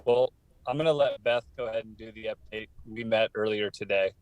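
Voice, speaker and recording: A man's voice: lowish voice, brisk, clean tone, dry recording, highs cut off. A man presenting over a video call whose audio keeps breaking up, checking whether others can hear him. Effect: choppy, breaking-up audio from a bad connection. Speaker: project presenter at a public meeting. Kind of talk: casual remarks at a meeting. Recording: distant, glitchy remote call audio.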